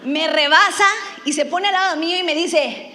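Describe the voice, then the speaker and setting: A woman's voice: very high voice, a little fast, sharp tone, a faint crowd, a little hiss or hum. A middle-aged woman telling a funny story in a sermon, self-mocking and acting out her own lines. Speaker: preacher.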